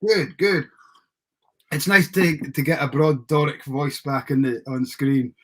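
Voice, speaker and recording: A man with a Scottish accent hosting a casual chat show in an informal, slightly halting way. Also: on the high side, sharp tone. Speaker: livestream host.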